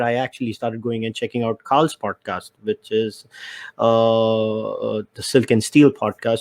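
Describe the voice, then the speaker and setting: Male podcast host, mid-pitched, talks through ideas methodically in casual interview. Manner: explanatory, lays out ideas step by step.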